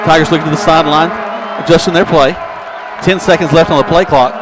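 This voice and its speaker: Brisk male play-by-play radio announcer. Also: fairly high pitch, steady tone. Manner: brisk, descriptive calls. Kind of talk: radio football commentary. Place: high school football stadium press box. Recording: crowd noise at stadium.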